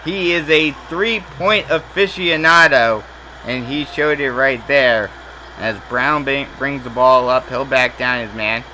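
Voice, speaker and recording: A man calling simulated basketball play-by-play, rattling off each possession and jumping up in pitch and volume when a shot drops. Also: steady tone, bright, forceful tone, slight background noise, poor audio. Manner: rapid play calling that rises sharply on made shots. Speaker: play-by-play announcer.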